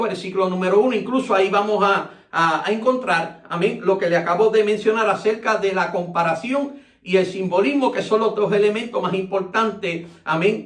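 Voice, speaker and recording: Male pastor, high voice, Bible study teaching, amén after every phrase, echoey church hall, distant mic. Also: fairly bright tone. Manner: repeats "amén" constantly, stretches key words.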